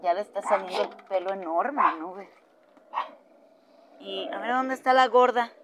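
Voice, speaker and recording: A woman's voice: mid-range voice, measured pace, background noise. A woman, vlogging in her outdoor dog yard, cooing at and scolding her dogs, then grumbling to the camera. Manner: coos and scolds dogs in a raised voice, grumbles aside. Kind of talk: casual vlog talk.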